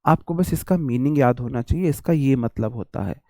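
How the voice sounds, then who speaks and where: A man's voice: medium pitch, moderate pace, darkish tone, no echo, clean studio sound. A man from India teaching English idioms in a casual, chatty lesson, calling students brother and repeating himself. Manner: chatty, addresses students as bhai and ji, repeats phrases. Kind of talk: casual Hindi vocabulary lesson.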